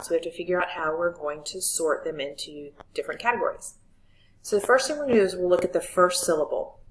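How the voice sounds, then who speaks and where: Patient teacher, a woman with a lower voice, giving step-by-step instructions to children. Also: slight background noise, rough recording. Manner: clear, patient instructions to students. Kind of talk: recorded spelling lesson for children.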